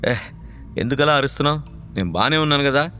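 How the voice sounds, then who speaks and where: A man's voice: mid-range voice, lively intonation, quick pace, bright, forceful tone, faint music behind. A man voicing a cocky, brash young man who shrugs off his injuries in a dismissive tone. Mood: irritated.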